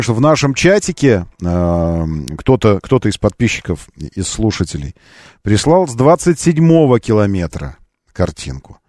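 A man hosting a live radio show, chatting casually with callers in a halting, thinking-aloud way. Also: fairly low pitch, darkish tone, no echo, clean studio sound. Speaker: radio host.

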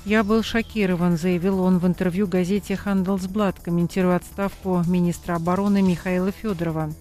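A woman anchoring a radio newscast in a crisp, even newsreader delivery at a studio mic. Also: on the low side, a little fast, soft background music. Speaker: news anchor. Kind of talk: radio news reading.

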